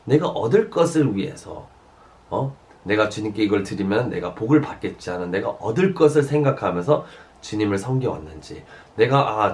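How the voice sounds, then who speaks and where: Male pastor delivering a sermon, lively pitch, storytelling, filler-heavy, loud then hushed. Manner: animated storytelling, frequent fillers, shifting loud and soft.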